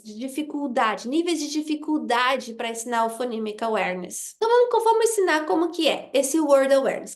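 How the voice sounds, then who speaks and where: A woman teaching early literacy over a video call, explaining step by step and slowing down to model sounds and words. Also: sits high. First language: Portuguese. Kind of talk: online class explanation.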